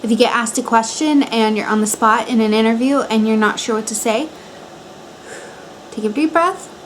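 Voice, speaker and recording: This is a personal vlog: a Montana woman in her twenties, American accent, voice a bit high, casually explaining how to do something while sitting in her bedroom. The audio is poor, and the whir of an electric fan never lets up.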